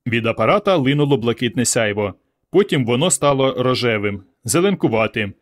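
A man reads a story aloud in a steady, even audiobook narration. His voice sits in a middle pitch. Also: a little fast.

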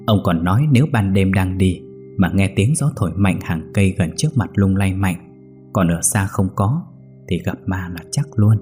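Man doing a village woman telling ghost lore, dark tone, faint music. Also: deep voice, normal speed, close to an everyday voice. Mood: chatty. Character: young village woman, chatty and superstitious.

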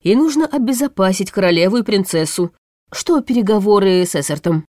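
A woman's voice: medium pitch, expressive, a little fast, mellow, no echo, studio quality, close to an everyday voice. A woman reading a storybook audiobook, voicing a weary, anxious older male chancellor who speaks in a gloomy, hesitant way.

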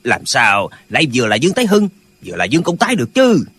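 A man voicing a band of quarrelsome, pedantic old martial-arts brothers in an audiobook, with a husky voice. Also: medium pitch, huge pitch swings, quick pace, a bit bright, heavily acted. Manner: bickering, pedantic, squabbling.

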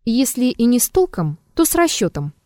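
Female reader doing a composed detached man, calm, dry replies, mellow fairly high voice. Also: moderate pace, dry recording. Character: calm, aloof man refusing a blackmailer.

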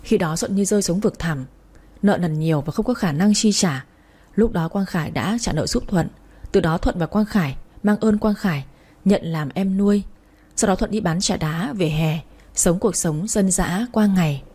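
Woman storyteller, husky, mellow dark tone, steady reading. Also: fairly low pitch, normal speed. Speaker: story narrator. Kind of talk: read-aloud story narration.

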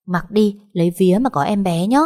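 A woman's voice: medium pitch, brisk, warm tone, natural voice. A woman voicing a young pregnant woman who turns from affectionate to shrieking and sobbing in pain.

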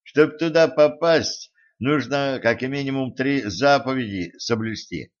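A man's voice: medium pitch, a little slow, lo-fi sound, close to an everyday voice. A man voicing a wry young male fighter who lectures his drunk friend in a dry, matter-of-fact way. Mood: lecturing.

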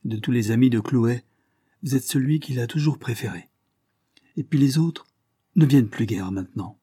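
A man's voice: mid-range voice, moderate pace, dark tone, breathy edge, no room sound, studio quality, close to an everyday voice. A man reading the lines of an anguished young mother, in a pleading, weary voice heavy with grief. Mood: solemn. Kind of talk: audiobook character reading.

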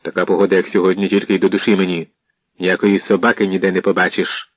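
A man reading an imperious, hoarse, scornful boyar in an audiobook. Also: low voice, little pitch movement, fast talker, no room sound. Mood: mocking. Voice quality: hoarse, domineering. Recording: dull muffled audio.

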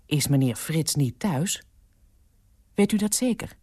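A woman reader voicing an old man, possessive and easily unsettled, in a slow mumbling voice. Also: extremely low pitch, animated, creaky, dark tone, husky, dry recording, pitched below the performer's own voice, heavily acted. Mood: bewildered.

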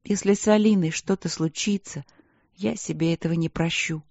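A soft-spoken, worried queen, as a woman narrator plays her, gentle more than stern, with a dark, mellow tone. She talks low and warmly, her sadness close to the surface. A dry, somewhat dull audiobook recording. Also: fairly even intonation, normal speed, gravelly, no echo. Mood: sad. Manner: soft, anxious, firm then yielding. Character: gentle worried young queen, older sister.

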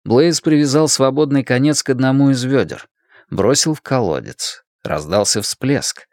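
A man narrating an audiobook in a measured, expressive storytelling manner. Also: medium pitch, dry recording, studio quality. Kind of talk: scripted narration.

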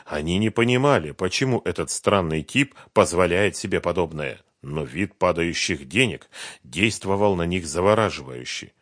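A man narrates a thriller in a very low, steady voice. The reading is even and measured. The recording is dry and close, with no room sound. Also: no echo. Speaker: audiobook narrator. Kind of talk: scripted narration.

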